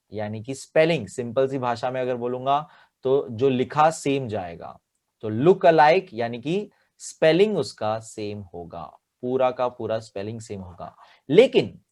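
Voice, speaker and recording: A young man teaches a grammar class at a middling pitch. He circles back over each point, saying things twice, and mixes two languages freely as he explains. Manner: explains with repetition, mixing Hindi and English.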